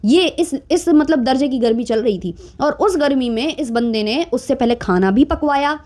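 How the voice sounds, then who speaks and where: A woman's voice: high voice, lively intonation, moderate pace, darkish tone. A woman giving casual vlog commentary, outspoken and indignant as she rants about other creators. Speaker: YouTube commentator.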